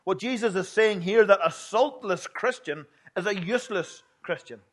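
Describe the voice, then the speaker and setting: A man's voice: sits high, normal speed. A man with a Northern Irish, Ulster accent delivers a sermon as a preacher, speaking plainly and earnestly and putting questions to his listeners.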